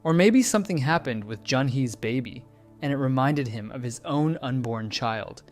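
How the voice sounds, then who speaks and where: Man narrating a measured trailer breakdown. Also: medium pitch, animated, faint music behind. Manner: measured, analytical, posing questions. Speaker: channel host breaking down a trailer. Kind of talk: scripted video-essay narration.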